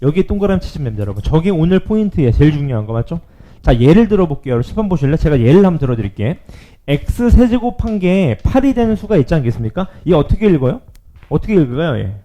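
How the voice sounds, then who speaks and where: A male math teacher giving a lively classroom lecture, often checking in with his students. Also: a little high, fast talker, muffled recording.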